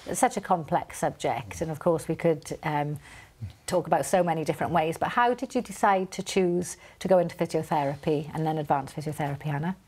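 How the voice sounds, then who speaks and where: Low-voiced woman hosting a studio interview. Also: a little fast, a little mellow, slightly rough. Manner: friendly, with many murmured agreements. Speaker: TV presenter. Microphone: lapel.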